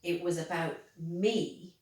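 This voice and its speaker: Irish female interviewee, slow deliberate delivery, emphatic phrasing, distant and very reverberant recording. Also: fairly low pitch, a little mellow. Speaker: interviewee, pagan priestess. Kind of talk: reflective interview talk. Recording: very echoey room, distant mic.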